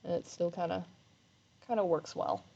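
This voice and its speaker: A woman on a live sewing stream who rambles on and pokes fun at herself, her low voice slipping into slight fry. The stream audio sounds a little dull and lo-fi. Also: fairly even intonation, moderate pace, mellow. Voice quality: slight vocal fry when talking low. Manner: rambling, self-deprecating, laughs often. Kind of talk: casual live-stream chat while sewing. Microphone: desk microphone.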